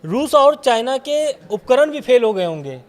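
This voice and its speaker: A male news anchor with a high voice runs the studio panel. He asks steady, leading questions. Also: unhurried.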